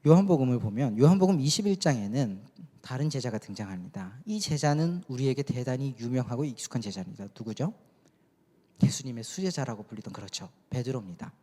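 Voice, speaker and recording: A man's voice: mid-range voice, animated, fast, mellow. A man preaching a sermon as youth pastor, talking conversationally and asking the congregation questions. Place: church sanctuary. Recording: long church hall reverb.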